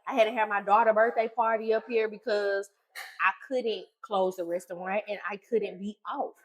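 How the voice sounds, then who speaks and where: A woman's voice: medium pitch, steady tone, normal speed, poor audio. A middle-aged woman, a restaurant owner co-hosting a casual chat, talking bluntly and teasing.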